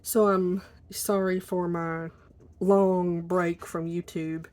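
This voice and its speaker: A woman chatting casually and informally at her desk for a video, in an apologetic, rambling way, with a squeaky chair that may creak behind her. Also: little pitch movement, slow pace, a little mellow. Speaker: video blogger. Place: at a desk indoors.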